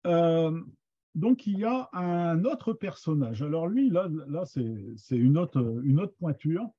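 A man giving an informal lecture on books and their authors, pausing often with fillers and restarts. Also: a little high, lively intonation, warm tone, breathy edge. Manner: hesitant, many fillers and restarts. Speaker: lecturer on Picard literature. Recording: dull lo-fi sound.

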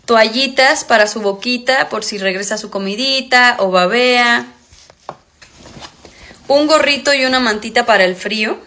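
A woman's voice: a little high, measured pace, pushed and bright. A woman in her twenties presenting a short list video to viewers indoors, with noise and clicks. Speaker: content creator, new mother. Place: small room indoors.

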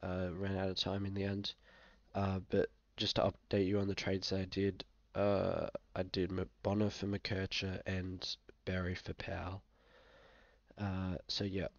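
This fantasy football vlogger, a young Aussie man who's a little ill, has a deep, gravelly voice delivered in a monotone at a measured pace. He coughs occasionally while casually and hesitantly working through a screen-share review, leaning heavily on fillers. The audio from his small indoor room is dry and lo-fi.

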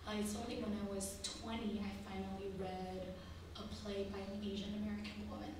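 A woman in her thirties who grew up in Bangladesh and Indonesia, speaking earnestly as a theater teacher on a panel, pausing to find her words. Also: medium pitch, little pitch movement. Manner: earnest, searching for words, many pauses. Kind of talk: panel discussion answer. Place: large lecture room, indoors. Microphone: table mic, heard from a distance. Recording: echoey room from far off, with noise.

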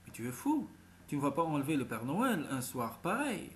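A man's voice: a little high, sing-song, moderate pace, slight background noise. A man voicing a grumbling, skeptical male crook in a storybook reading.

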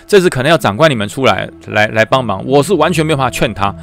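A man's voice: medium pitch, animated, fast talker, creaky, fairly bright tone. A man doing a flustered chubby young soldier. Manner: flustered, stammering reports. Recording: faint background music.

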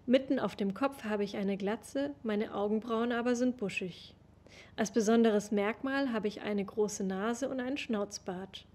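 A young woman giving a slow, measured literary reading, recorded over a webcam in a room at home. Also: a little high, darkish tone. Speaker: reader of literary texts.

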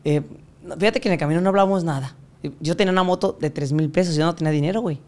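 A man's voice: fairly high pitch, very fast, a little mellow. Young man, Mexican accent, podcast guest, crude and profane, acts out quoted voices. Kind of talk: casual storytelling interview.

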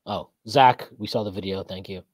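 A man's voice: on the low side, moderate pace, breathy edge, no echo. A man in his thirties hosting a casual postgame sports chat on a video call, rambling and reading out viewer comments with frequent laughs. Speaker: podcast host. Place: small room indoors. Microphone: video call webcam.

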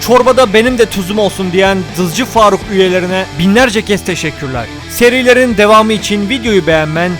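A man rattles through gameplay commentary at a rapid clip, joking and yelling at the characters. His voice sits high for a man and stays lively and excitable. Faint music plays behind him. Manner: excitable, jokey, shouts at characters. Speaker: gaming YouTuber. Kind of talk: playful game commentary.

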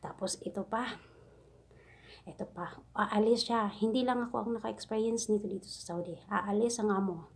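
Husky, giggly woman with a Cebuano accent. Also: medium pitch, moderate pace, a little mellow. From Philippines. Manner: chatty, giggly, mimics her employer's broken English. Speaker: domestic helper and vlogger. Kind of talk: casual storytelling vlog.

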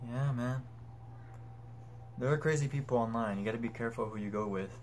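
A man's voice: medium pitch, fairly quick, darkish tone, a little hiss or hum. A young man hosting a reaction video, making casual, slangy, short interjections. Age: young adult.

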